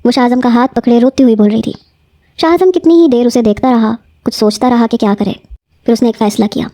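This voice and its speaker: A woman narrating a romance novel in a steady, measured reading voice. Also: on the high side, dry recording, clean studio sound.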